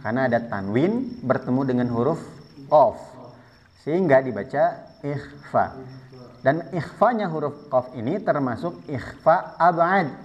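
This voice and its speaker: Unhurried and with lively intonation, a man with a mid-range voice gives a tajwid lesson, patiently explaining each rule of Quran recitation and modelling sounds for students to repeat. The recording sounds dull and lo-fi.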